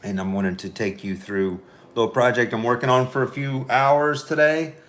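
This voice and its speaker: An artist streams a drawing session, chatting casually and thinking out loud as he rambles, occasionally slipping in some amateur French. His voice is medium-pitched, steady, and a bit bright, at a normal pace.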